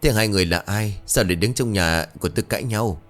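A man's voice: on the low side, fairly bright tone, soft background music, lightly acted. A man doing a naive, puzzled young villager. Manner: puzzled, quick questions.

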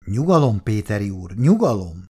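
A man voicing a calm, firm older housing committee official who speaks with steady authority, in an audiobook reading. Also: fairly low pitch, slightly rough.

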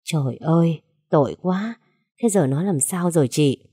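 A woman voicing a middle-aged mother who pleads for calm in a told story. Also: deep voice, normal speed, slightly rough. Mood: pleading. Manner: soothing, pleading.

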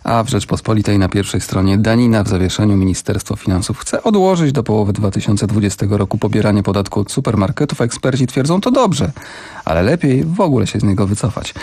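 Husky low-voiced male radio host. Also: mellow, no room sound. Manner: chatty, wry asides between announcements. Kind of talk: casual radio presenting. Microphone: studio microphone.

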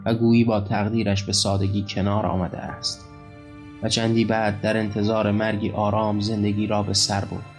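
A man reads his own novel aloud, low in pitch and keeping a flat, level delivery throughout. Faint music sits underneath the narration. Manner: even, measured literary reading. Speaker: author and narrator. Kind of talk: audiobook narration.

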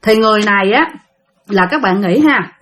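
A woman's voice: medium pitch, animated, normal speed, a bit bright. Chatty woman storyteller. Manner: chatty, addresses listeners directly. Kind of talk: ghost story narration.

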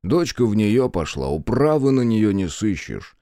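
Anxious plain-spoken father, low and lively, read by the male narrator, storybook. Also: a little slow, no echo, studio quality. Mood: confiding. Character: weary, worried older father, plain-spoken.

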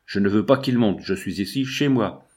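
A man's voice: on the low side, lively intonation, normal speed. A man reading an audiobook, voicing a frightened young woman who pleads in a raised, agitated voice. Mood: pleading.

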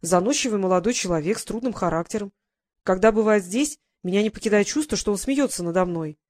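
A woman's voice: mid-range voice, animated, fast talker, darkish tone, dry recording, studio quality, close to an everyday voice. A woman voicing a domineering elderly aunt, a duchess, in an audiobook, speaking firmly and decisively. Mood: commanding. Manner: firm and commanding, decisive. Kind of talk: audiobook character reading.

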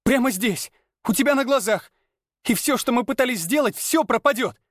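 A man voicing a desperate ancient woman healer with shrill, pleading cries. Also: normal speed, dry recording, clean studio sound. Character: desperate 390-year-old woman healer.

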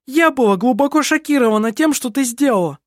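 A reader voicing a defensive, shouting young woman in an audiobook. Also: sits high, expressive, a little fast, dry recording, studio quality, pitched above the performer's own voice. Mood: shrieking. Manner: shrieking, defensive. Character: young woman, hysterical sister. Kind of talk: audiobook character voice.

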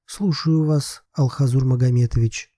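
A man's voice: mid-range voice, normal speed, dry recording, natural voice. A man reading an audiobook voices a composed woman private detective who speaks politely and with dry irony. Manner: calm, polite, slightly ironic.

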